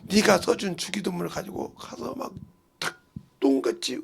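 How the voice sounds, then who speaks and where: Gravelly, husky preacher with swinging pitch. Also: male voice, lively intonation, moderate pace. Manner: swings from hushed murmurs to loud cries, acting out relatives' words. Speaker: pastor. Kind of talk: sermon with told stories.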